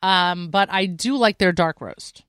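A woman's voice: on the low side, unhurried, fairly bright tone, clear, resonant tone, no echo. A woman who is a regular segment co-host on a radio show, bantering casually with dry, teasing retorts. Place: radio studio.

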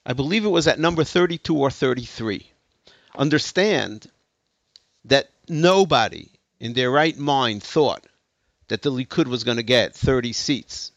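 A man's voice: medium pitch, expressive, measured pace, fairly bright tone, no echo. Emphatic storytelling man, dry muffled sound. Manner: storytelling, emphatic, with hesitant restarts. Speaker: speaker giving a talk. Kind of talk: spoken lecture to an audience.

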